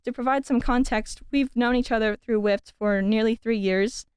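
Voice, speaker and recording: A woman's voice: on the high side, normal speed, a little mellow, clean tone, no echo, clean studio sound. A woman hosting a film podcast, introducing and interviewing a guest with enthusiasm. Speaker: podcast host.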